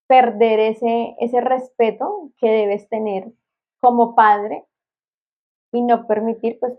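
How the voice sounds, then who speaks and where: A woman with a slightly high voice co-hosts a relaxed podcast chat. She often slips into quick quoted bits of dialogue between a parent and a child. The recording is a little dull and lo-fi. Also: creaky. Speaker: podcast co-host. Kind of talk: casual conversation.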